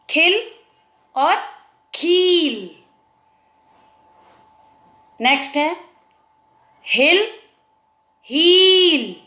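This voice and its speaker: Indian-accented woman teacher, unhurried, drawing out example words, clear bright tone. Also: high-pitched, roomy sound. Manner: slow, drawn-out pronunciation of example words. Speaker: Hindi teacher. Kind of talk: children's language lesson.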